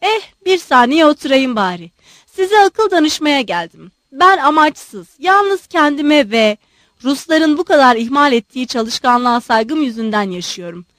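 A woman's voice: high-pitched, big pitch swings, fairly bright tone, no room sound, studio quality, heavily acted. A woman reading the part of an agitated, effusive old male general who pleads and bursts out emotionally. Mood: pleading. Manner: pleading, emotional, rushing outbursts.

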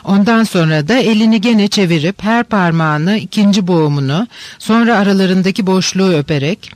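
A man narrating a classic novel in an audiobook, measured and even. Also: high voice, no echo. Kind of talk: scripted literary narration.

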